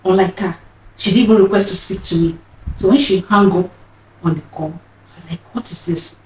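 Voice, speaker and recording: A woman's voice: fairly low pitch, fairly even intonation, brisk, darkish tone. A woman, telling a personal story in an earnest, emotional way and often repeating her phrases. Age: 30s. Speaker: vlogger. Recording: roomy, distant mic, faint noise.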